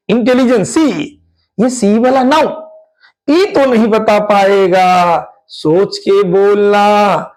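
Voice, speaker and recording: A man leads an exam-prep grammar lesson in a high, light voice. He talks slowly and deliberately, firing questions at students and repeating the answers for emphasis. He spells out word endings one letter at a time. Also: poor audio. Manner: animated, drills students with quick questions and repetition. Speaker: English grammar teacher.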